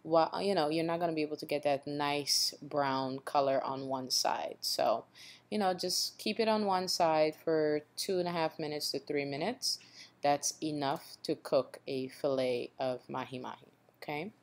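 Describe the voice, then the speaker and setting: A woman's voice: low-pitched, unhurried. A woman hosting a cooking channel, talking through a recipe step by step and often checking in with "okay?". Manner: instructive, repeats tips with a checking "okay?". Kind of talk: cooking tutorial voice-over.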